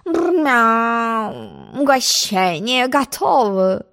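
A woman's voice: a little high, sing-song, extremely slow, a bit bright, exaggerated voice. A woman voicing a timid male messenger who mumbles through his food and mews between words. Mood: mumbling. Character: mumbling tearful male messenger, mouth full. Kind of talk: storybook narration.

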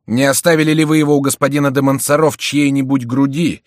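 A man's voice: medium pitch, steady tone, quick pace, no echo, clean studio sound, voice pushed up, close to an everyday voice. A man voicing a hot-tempered young French nobleman challenging his rivals, fierce and accusing. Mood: furious.

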